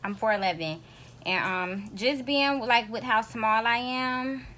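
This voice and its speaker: A woman's voice: a little high, measured pace, sharp tone, slight background noise. A young American woman chatting casually and candidly in a personal vlog, her articulation slightly impeded by braces. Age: young adult. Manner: informal, candid storytelling. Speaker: YouTube vlogger.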